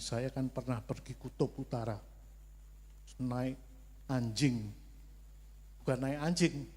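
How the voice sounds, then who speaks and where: A man with a Javanese accent preaching a sermon, telling stories in a lively way and acting out God's short replies. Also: medium pitch, breathy edge. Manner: lively storytelling, playacting God's curt replies. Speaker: pastor. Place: church hall. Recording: long church hall reverb.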